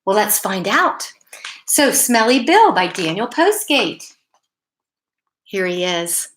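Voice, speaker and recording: A woman hosting school story time reads bedtime stories aloud and chats with young children, often asking them simple questions. Her mid-range voice is slow, sing-song and fairly bright. There's a little hiss or hum in the recording.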